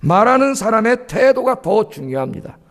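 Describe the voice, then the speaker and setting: High-voiced Korean pastor preaching. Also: male voice, sing-song, normal speed. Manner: asks the congregation questions and answers them himself; often adds a questioning "예?". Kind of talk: sermon. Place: church sanctuary.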